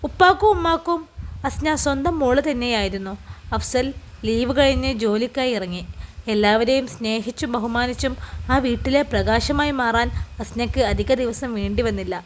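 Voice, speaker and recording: A woman's voice: a little high, normal speed, slight background noise. A woman with a Malappuram Malayalam accent narrating an emotional family story aloud.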